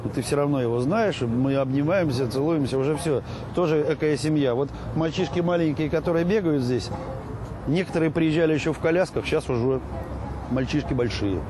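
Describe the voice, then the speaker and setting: A middle-aged man talks casually and reflectively in an outdoor interview. His voice is fairly high, picked up on a lapel mic with clear city noise around it. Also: fairly quick. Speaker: reserve border guard officer being interviewed. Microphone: clip-on lapel mic.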